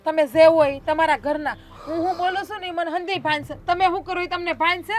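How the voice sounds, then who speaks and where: A woman playing a defiant, quick-tongued young daughter. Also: very high-pitched, faint music behind.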